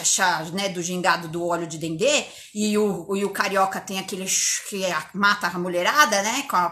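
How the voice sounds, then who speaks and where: A woman English teacher with an inland São Paulo Brazilian accent, giving a chatty, emphatic informal lesson at home. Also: mid-range voice. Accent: inland São Paulo Brazilian Portuguese. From inland São Paulo state, Brazil. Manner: lively, emphatic, chatty, swears casually. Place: empty bedroom at home.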